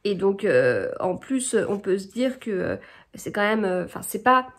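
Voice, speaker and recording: A woman's voice: medium pitch, big pitch swings, measured pace. A woman vlogging casually about a book, hesitating often with fillers and restarts as she reads passages aloud. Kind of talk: casual chat.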